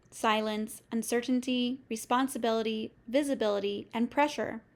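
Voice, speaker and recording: A woman coach delivering a scripted motivational lesson in a measured, steady way, with short listed phrases. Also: on the high side. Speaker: business coach. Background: faint music.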